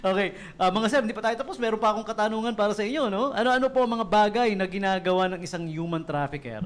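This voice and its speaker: Chatty radio DJ man with a higher voice. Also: fast. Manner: chatty, tells jokes, ends phrases with a tag question. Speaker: radio DJ and host. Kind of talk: casual radio chat. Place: radio studio.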